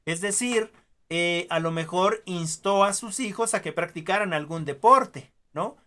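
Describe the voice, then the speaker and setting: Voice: medium pitch, measured pace, fairly bright tone. A teacher gives an online class, explaining through stories and examples, with many filler sounds and questioning tags.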